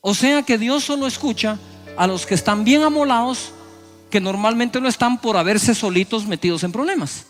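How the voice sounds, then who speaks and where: Guy preaching, pretty high voice, dramatic swings, soft music behind. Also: normal speed. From Guatemala. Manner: dramatic preaching, acting out people's prayers in raised voices. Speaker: pastor. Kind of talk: sermon.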